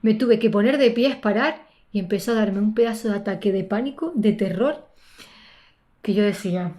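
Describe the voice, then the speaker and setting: Woman, Spain Spanish accent, spiritual coach; expressive motivational storyteller, mid-pitched, leans on repetition. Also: moderate pace. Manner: expressive, repeats words for emphasis.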